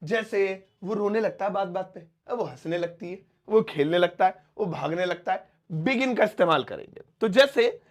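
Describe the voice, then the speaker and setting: A man teaching spoken English who explains patiently, calls his viewers friends and repeats each example sentence slowly, word by word. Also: high-pitched.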